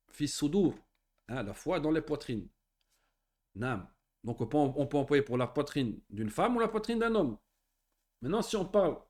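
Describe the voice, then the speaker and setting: A man teaching a beginners' Arabic reading lesson in French, with casual asides, who slowly draws out and repeats each model word. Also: medium pitch, darkish tone. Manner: slow drawn-out model pronunciations repeated twice; chatty asides with tag questions. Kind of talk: classroom lesson explaining Arabic letters in French.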